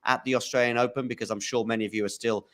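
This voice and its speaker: A man's voice: mid-range voice, very fast. A man hosting a live tennis commentary podcast, chatting casually with fillers. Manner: chatty, relaxed, frequent fillers.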